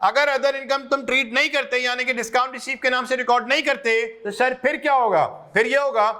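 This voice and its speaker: A man's voice: very high-pitched, steady tone, a little fast, sharp tone. A male accounting lecturer, giving a classroom lecture, slipping English terms into his explanations and quizzing students as he goes. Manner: jokes and teases students.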